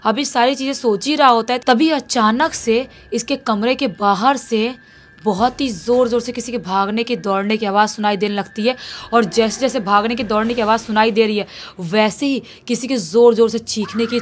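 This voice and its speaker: A woman's voice: fairly high pitch, steady tone, moderate pace, a little hiss or hum. A woman telling a horror story as a storyteller, building suspense as she narrates. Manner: suspenseful, rising with intensity.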